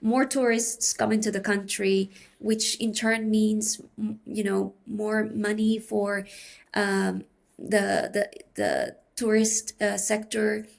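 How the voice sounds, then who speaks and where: A woman from Peru, explaining her academic research in a measured, thinking-aloud way as a podcast interview guest. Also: medium pitch, little pitch movement, gravelly.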